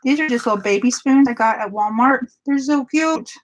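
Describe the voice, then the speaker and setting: A woman's voice: high voice, moderate pace, low-quality recording. A woman, chatting casually with viewers during a craft live stream and often laughing. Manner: chatty, giggly, talks to viewers by name.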